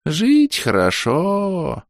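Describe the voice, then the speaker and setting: A man voicing a lecherous old male ghost who drawls slowly in a bleating, blissful way. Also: fairly high pitch, wildly swooping pitch, vocal fry, dry recording, clean studio sound, pitched above the performer's own voice, heavily acted.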